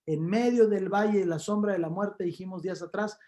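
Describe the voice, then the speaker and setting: A preacher delivering an evangelistic sermon, telling the story dramatically, moving from loud emphasis to hushed tones and stretching out key words. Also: medium pitch. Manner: addresses listeners warmly as brothers; slow deliberate phrasing on key words.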